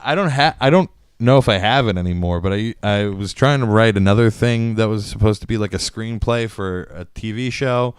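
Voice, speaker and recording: A man's voice: fairly low pitch, a little fast, few pauses, clean tone, no room sound, studio quality. A man hosting a casual podcast, rambling and laughing at himself. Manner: rambling, self-deprecating, laughs a lot. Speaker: podcast host.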